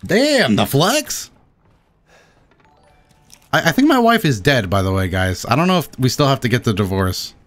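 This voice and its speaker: A man doing casual, joking live commentary on a video game, excitable and sweary. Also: medium pitch, normal speed, long pauses. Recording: faint game noise behind. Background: horror game audio.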